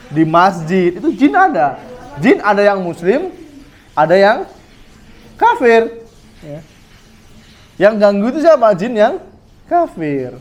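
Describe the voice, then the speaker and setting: A male Islamic preacher giving a study sermon, asking rhetorical questions and checking in with "ya" as he addresses the brothers. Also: high voice. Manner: rhetorical questions, frequent "ya" to the audience.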